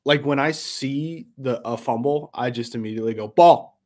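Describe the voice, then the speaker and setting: A man's voice: mid-range voice, moderate pace. A man co-hosting a podcast, chatting casually with a teasing, laugh-prone manner. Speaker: podcast co-host. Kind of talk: casual chat.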